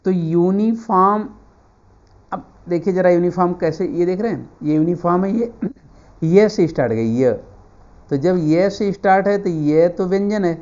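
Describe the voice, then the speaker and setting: Male Hindi-speaking grammar teacher, Indian accent, mellow dark voice, drills viewers with repeated words. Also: on the high side, lo-fi sound. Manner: repeats key words, drills viewers with timed quiz questions. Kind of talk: online exam-prep grammar lesson.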